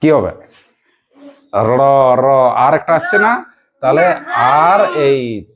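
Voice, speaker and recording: A man's voice: medium pitch, sing-song, slow, a bit bright. A male teacher runs a classroom lesson, calling pupils by name and praising each answer. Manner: encouraging, quizzing pupils by name.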